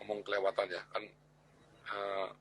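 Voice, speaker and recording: A man's voice: lowish voice, completely flat delivery, normal speed, a bit bright, a little hiss or hum. A middle-aged man teaching an informal church class on discipleship. He talks in a chatty way, repeats phrases and tags his lines with little questions.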